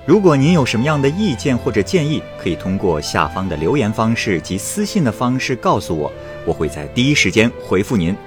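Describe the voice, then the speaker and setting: A man narrating a classic novel as an audiobook host, in a measured, expressive storytelling manner. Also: lowish voice, over music. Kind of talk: serialized novel reading.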